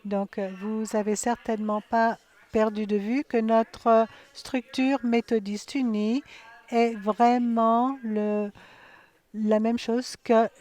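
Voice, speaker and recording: A woman giving live interpretation of a conference session, halting, with frequent fillers and self-corrections. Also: on the high side, little pitch movement, darkish tone. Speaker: simultaneous interpreter.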